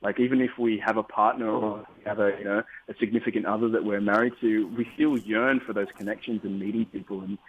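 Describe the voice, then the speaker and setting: Man, musician guest, rambling and upbeat, lowish voice, tinny phone line. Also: fairly even intonation, quick pace, few pauses. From Australia. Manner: rambling, upbeat, many restarts. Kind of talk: casual interview over the phone.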